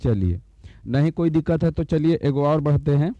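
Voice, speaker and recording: A man's voice: fairly high pitch, animated, moderate pace, no echo. A man teaching a school maths lesson. He repeats each term and keeps asking the class whether they have understood. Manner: repeats terms and checks understanding with questions. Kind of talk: slow blackboard lesson explanation. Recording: dull, lo-fi recording.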